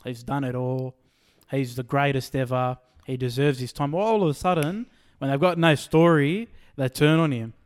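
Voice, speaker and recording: A young Australian man co-hosting a sports podcast, ranting in heated, casual chat and mocking people with quick impressions. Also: medium pitch, clear, resonant tone. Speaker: podcast co-host.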